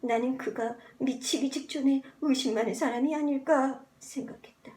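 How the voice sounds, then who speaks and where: A woman with a very high voice narrates literary prose in the manner of an amateur audiobook reader. Her delivery is theatrical and deliberately altered, as voice-acting practice. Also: steady tone, darkish tone.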